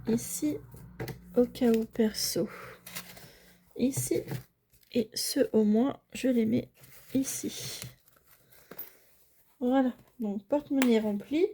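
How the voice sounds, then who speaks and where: A woman's voice: a little high, dark tone, a little hiss or hum. A woman talking casually as she fills cash envelopes at home, narrating each small task and often apologizing to her viewers, sometimes dropping to a near-whisper. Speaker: budgeting vlogger. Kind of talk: casual talk while filling cash envelopes.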